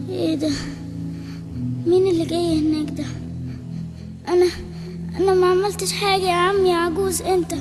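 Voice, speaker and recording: A woman voicing a scared little Egyptian boy. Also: very high-pitched. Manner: fearful, tearful pleading. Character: frightened blind little boy. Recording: background music.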